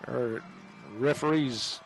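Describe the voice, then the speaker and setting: A man with a Southern US accent calling high school football on the radio in a folksy, excitable way. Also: takes it slowly, a little hiss or hum, rough recording. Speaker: radio play-by-play announcer. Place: press box at a football stadium.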